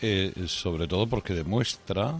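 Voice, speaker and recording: A male radio host trades wry asides with his co-hosts while music plays clearly in the background. His voice sits on the low side. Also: unhurried. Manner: wry, conversational.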